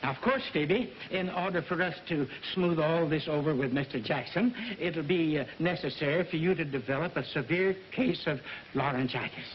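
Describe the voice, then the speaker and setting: An actor playing a flustered middle-aged record company boss who blusters and coaxes, in a 1940s film. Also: male voice, a little high, moderate pace, a little hiss or hum, natural voice. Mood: coaxing. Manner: blustering, then coaxing. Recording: dull 1940s film soundtrack.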